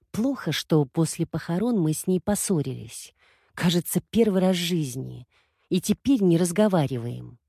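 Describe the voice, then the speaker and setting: A woman narrates a first-person story in a quiet, reflective way. Her voice is husky and mellow, with lots of rise and fall in pitch, and it sounds dry and close to the mic. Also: no room sound. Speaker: audiobook reader.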